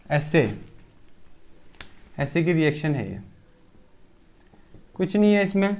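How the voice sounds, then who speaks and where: A pharmacy lecturer, whose voice is a bit high for a man, teaches chemistry in a laid-back classroom manner. Going step by step, he asks questions, answers them himself, and keeps saying "theek hai" to check in.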